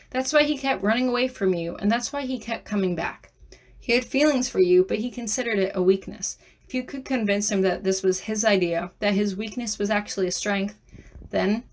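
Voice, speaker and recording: Soft-spoken woman narrating a fan story. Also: medium pitch. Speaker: audiobook narrator. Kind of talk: second-person fan fiction audiobook narration.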